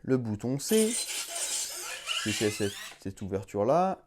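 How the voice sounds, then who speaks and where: A young man casually demonstrating a gadget, chatty and hands-on, with the odd swear, sounding out English voice commands slowly and with effort. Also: lowish voice, big pitch swings, background noise. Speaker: YouTuber reviewing a collectible. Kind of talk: casual product demo.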